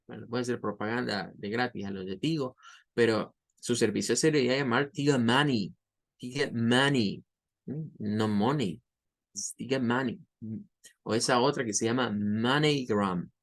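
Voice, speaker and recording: A man teaching English pronunciation, saying each example word over and over slowly. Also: medium pitch. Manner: patient, repeats words slowly for drilling. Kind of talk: online language lesson.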